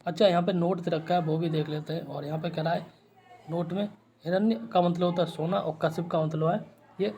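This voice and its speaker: Higher-pitched male Hindi teacher drilling spellings. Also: fairly even intonation, mellow, muffled recording, slight background noise. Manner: explains word by word, repeating "ठीक" after each point; spells out letters slowly.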